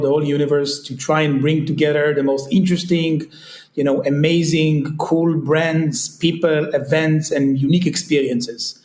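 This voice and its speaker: A retail company CEO with an Israeli accent chats loosely as a guest on a podcast interview, his voice a bit higher than most men's with a darkish tone. He searches for words and leans heavily on fillers like "kinda" and "you know," in a roomy, echoey recording.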